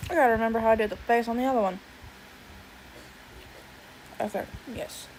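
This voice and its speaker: Chatty young woman streamer, high voice. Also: a little fast, a little mellow, a little hiss or hum, low-quality recording. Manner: chatty, thinks aloud, casual swearing. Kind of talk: casual livestream chat while drawing.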